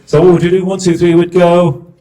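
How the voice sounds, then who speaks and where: Compèring live on stage, this middle-aged Yorkshire man keeps things chatty and full of jokes while asking the audience questions. He has a high, warm voice delivered in a monotone, a little on the fast side.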